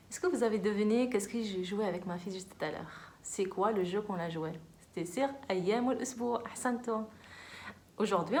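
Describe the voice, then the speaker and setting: A young woman, giving a children's lesson in a playful, animated, encouraging way. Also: mid-range voice. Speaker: teacher. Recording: echoey room.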